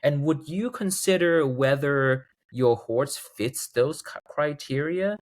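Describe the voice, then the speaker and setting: A man in his thirties from Thailand, a guest chatting casually in an interview and acting out examples as he talks. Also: slow pace. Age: 30s. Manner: animated storyteller, acts out quoted lines in a higher voice. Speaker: guest, video game composer.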